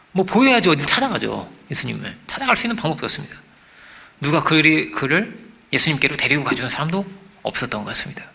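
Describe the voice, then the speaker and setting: A man preaching a sermon as pastor, animated, asking the congregation for agreement and acting out quoted voices. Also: on the high side, gravelly. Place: church.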